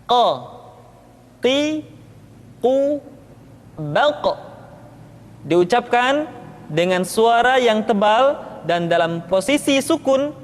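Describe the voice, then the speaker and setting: Slow, careful woman teaching pronunciation. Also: on the high side, long reverb tail. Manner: slow, careful, drills each syllable with drawn-out emphasis. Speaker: Quran reading teacher. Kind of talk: recorded pronunciation lesson.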